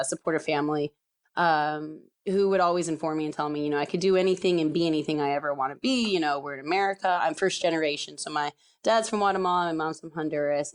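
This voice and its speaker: Guest spot: woman in her 30s, low-pitched, chatty and laughing, lots of fillers. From San Diego, California. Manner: chatty, laughs often, many fillers and restarts. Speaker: soccer referee guest. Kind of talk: casual podcast interview.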